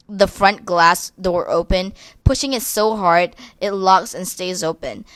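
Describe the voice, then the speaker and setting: A woman's voice: mid-range voice, fairly bright tone, no echo. A woman reading online advice posts aloud and giving blunt opinions, swearing casually. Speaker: reddit story commentator.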